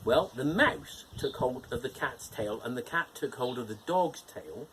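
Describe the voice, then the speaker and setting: Playing a cheerful, playful male gnome, this man hosts and reads a bedtime fairytale, animated and full of teasing jokes. His medium-pitched voice is unhurried, with a little hiss or hum on the recording.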